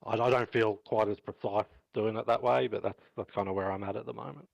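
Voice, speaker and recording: A man in his forties giving a measured, thankful post-race interview as a driver. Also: fairly low pitch, steady tone, creaky, no room sound. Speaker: sim racing driver.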